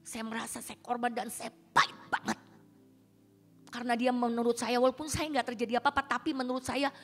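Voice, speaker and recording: A woman's voice: fairly high pitch, flat delivery, fairly quick. A woman pastor, preaching a sermon in a colloquial, dramatic storytelling manner. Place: church hall. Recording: reverberant church hall with faint music.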